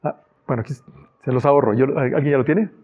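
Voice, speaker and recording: A man's voice: medium pitch, fairly quick, a little mellow. A man preaching a sermon earnestly, reading Bible passages aloud and adding asides. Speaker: pastor. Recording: dull lo-fi sound.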